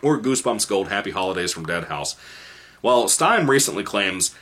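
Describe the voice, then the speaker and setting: A man's voice: lowish voice, expressive, moderate pace, fairly bright tone. A man in his twenties, a channel host, casually answering viewer comments in a rambling, self-correcting way with frequent laughs. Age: 20s. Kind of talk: casual chat.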